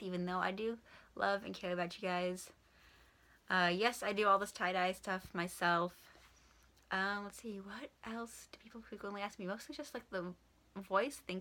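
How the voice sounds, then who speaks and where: A woman's voice: fairly low pitch, gravelly, sharp tone. A young woman from Washington State with a speech impediment, saying w for r, chatting frankly and informally in a question-and-answer vlog. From Washington State, USA. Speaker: vlogger.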